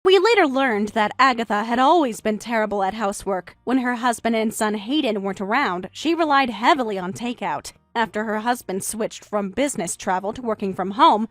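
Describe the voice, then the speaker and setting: High lively scolding synthetic woman. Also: fairly quick, few pauses, dry recording, faint music behind. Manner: indignant, scolding. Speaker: narrator of a text-message story. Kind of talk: synthetic text-to-speech story narration.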